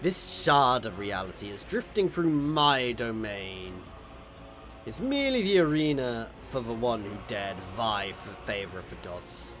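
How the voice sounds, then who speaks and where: A man voicing an ancient, sinister daemon that speaks in slow, ominous pronouncements. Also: medium pitch, sing-song, a bit bright, soft background music.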